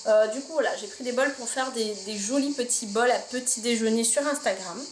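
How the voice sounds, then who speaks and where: A woman's voice: a little high, fairly quick. A woman chatting casually in a haul vlog, gushing over her purchases, filled with fillers, recorded at home with windows open. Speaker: vlogger showing her shopping haul. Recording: roomy home room, faint insect noise. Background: insects outside.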